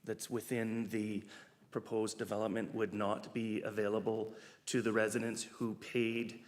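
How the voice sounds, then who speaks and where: A man's voice: lowish voice, little pitch movement, a little slow. A man speaking as a resident at a council meeting, polite and conciliatory. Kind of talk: public comment at council meeting. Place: council chamber.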